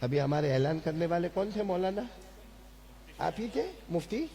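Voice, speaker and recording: A man preaching a lively storytelling sermon to a large seated gathering, calling on the crowd to answer back. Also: a little high, normal speed, poor audio. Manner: calls on the crowd to answer back, repetitive and animated.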